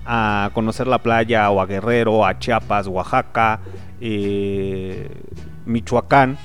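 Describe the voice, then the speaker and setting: A man's voice: on the low side, fairly even intonation, slow pace, faint music behind. A man from León, Guanajuato, with a Bajío Mexican accent, hosting a casual radio chat, slangy and joking, swearing freely. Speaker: radio host.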